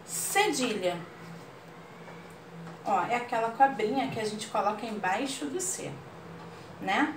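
Brazilian female teacher, slow deliberate delivery, slightly high voice, roomy distant mic, faint room hiss. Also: expressive. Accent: Brazilian Portuguese. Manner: patient, explains slowly and checks understanding with "ok?". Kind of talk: online class lesson.

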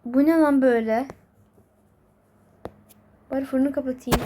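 A woman's voice: sits high, fairly even intonation, measured pace, dark tone. A woman narrating a game role-play, talking to herself in a frantic, panicky way. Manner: frantic, panicky self-talk. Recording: noisy background with clicks.

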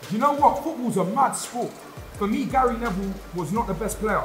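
A young London man with a very high, lively voice throws out casual, slangy banter. He is exclamatory and animated, recorded in an echoey indoor pool with faint music behind him. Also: fairly quick. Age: 20s. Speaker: quiz challenge contestant. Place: large tiled indoor pool room, in a tub of water.

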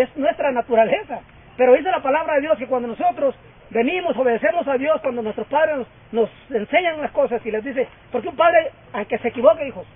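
A man in his fifties preaching a fervent sermon and calling out for amens. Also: extremely high pitch. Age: 50s. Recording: tinny phone-like sound.

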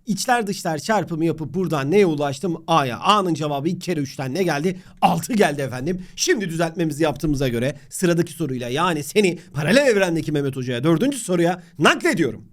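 A young man teaching a math lesson on video, talking straight to the student in a playful, joking way. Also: a little high. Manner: playful, talks directly to the student, jokes and mock chants.

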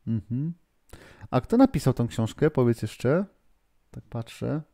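A man runs a live-streamed training session at a medium pitch and an unhurried pace. He thinks aloud with frequent fillers and restarts, breaking off for chatty asides to viewers and moderators. The sound of typing on a keyboard comes through his desk microphone. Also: very animated, vocal fry, dark tone. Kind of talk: live-streamed lesson answering viewer questions.

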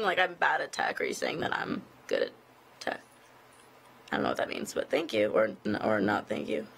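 A young woman, a singer, chatting casually on a live stream, reading fan questions aloud and answering with lots of "like" and quick laughs. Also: medium pitch, vocal fry, fairly bright tone. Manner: chatty, giggly, filler-heavy with frequent "like". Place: indoors at an office.

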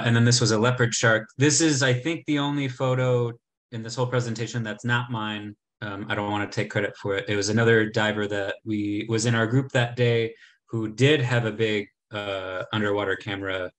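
Fairly low in pitch with a fairly bright tone, a man in his thirties presents travel slides informally over a webcam video call from inside a room. His remote talk is chatty, peppered with ums and restarts.

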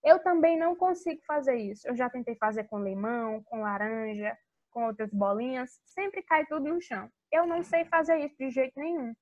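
A woman teaching English to young children in a video lesson, with a sing-song teacher manner and slowly spelled-out English words. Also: sits high, darkish tone, highs cut off. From Brazil. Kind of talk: recorded video lesson for kids.

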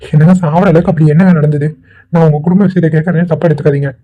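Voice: mid-range voice, steady tone, phone-quality sound, close to an everyday voice. A performer voicing a kind, worried young man in a cartoon, talking anxiously and pleading. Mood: concerned. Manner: anxious, pleading, talks quickly. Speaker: cartoon character. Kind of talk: Tweencraft cartoon voice acting.

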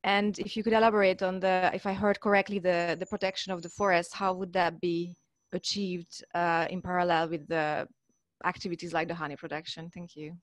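A woman's voice: fairly low pitch, little pitch movement, fairly quick, dry recording. A woman on a judging panel asking a polite, hesitant question about a project. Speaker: panel judge.

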